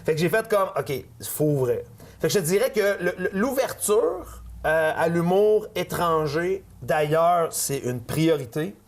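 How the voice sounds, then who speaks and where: A middle-aged man with a Quebec French accent, a guest in a casual interview who talks at length and drops low to land his points. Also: expressive, measured pace.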